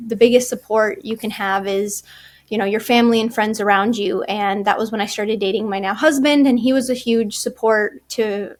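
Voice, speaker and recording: A chatty architect and firm founder in her thirties, born in the Czech Republic and raised in California, speaks in a slightly high pitch. She's a guest in a casual interview chat, talking loosely and ramblingly with fillers, restarts, and frequent "like" and "you know".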